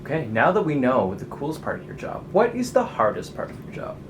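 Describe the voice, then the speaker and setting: A man's voice: on the high side, huge pitch swings, brisk, noisy background. A young man hosting a student interview, reading his questions in an upbeat, scripted way. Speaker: host, video producer.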